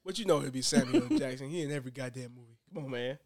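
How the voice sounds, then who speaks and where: A man's voice: medium pitch, rapid-fire, darkish tone. A man with a Detroit accent co-hosting a podcast, trading loose, profane banter and laughing often. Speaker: podcast co-host. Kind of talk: casual chat.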